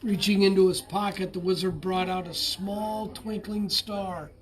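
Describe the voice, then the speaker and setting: A man reading a picture book aloud with slow, expressive storytelling. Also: high voice. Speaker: storybook reader.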